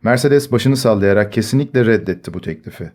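A man reading a story aloud in measured scripted narration. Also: lowish voice, lively intonation, a little mellow. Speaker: audiobook narrator. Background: faint music.

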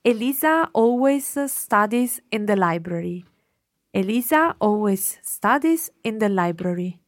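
A woman teaching Italian, reading out sentences and explaining grammar with clear patience. Her voice sits at a middling pitch. The recording is dry and close. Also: lively intonation, measured pace, no echo. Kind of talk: language lesson.

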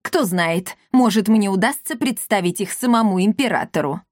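A woman's voice: mid-range voice, expressive, moderate pace, no echo, clean studio sound, close to an everyday voice. A woman reading a story aloud, voicing a pompous, touchy old man who is the village elder and whines and takes offence. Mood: aggrieved. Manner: indignant, whining, aggrieved.

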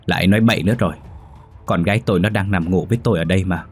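A man's voice: low-pitched, rapid-fire, husky, faint music behind. A man voicing a distraught peasant mother who cries out desperately for her lost daughter. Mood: insistent.

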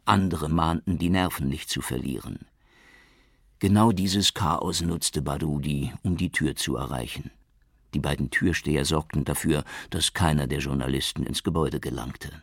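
Deep, gravelly male audiobook narrator. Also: no echo, clean studio sound. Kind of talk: scripted narration.

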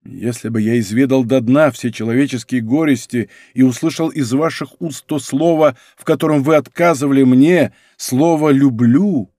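A passionate, anxious court minister who drags out his pleading words, as the narrator reads him. His voice sits slightly high and comes across close and dry. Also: big pitch swings, moderate pace, dark tone, dry recording.

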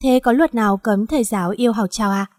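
A woman's voice: a little high, fast, a little mellow, no echo, clean studio sound, in a large hall, close to an everyday voice. Woman doing a hot-tempered young teacher in a storybook reading, commanding. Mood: teasing.

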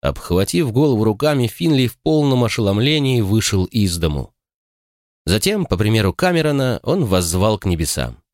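A man reads a story aloud in a lowish voice with lively, wide-ranging intonation. The delivery is expressive scripted narration. The recording is dry and close. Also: normal speed, dry recording. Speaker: audiobook narrator.

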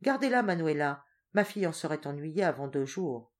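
A woman voicing a refined noble mother in a storybook reading, with a soft, measured way of speaking. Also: deep voice, lively intonation. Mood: gentle.

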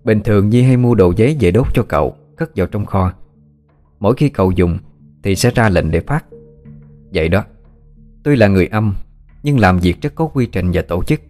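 A man telling a ghost story in a calm, even narration. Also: on the low side, moderate pace, pauses often, soft background music.

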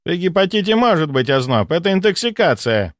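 A flustered, arrogant senior doctor snaps in raised, agitated outbursts, as a male narrator puts him on. His pitch jumps lively between lines. The recording is dry and close. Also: unhurried, no echo, full character voice. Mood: indignant.

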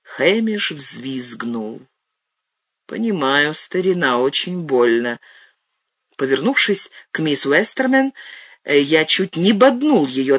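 A man narrating an audiobook with expressive, animated storytelling. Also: on the high side, dry recording, clean studio sound. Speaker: audiobook reader. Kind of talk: scripted narration.

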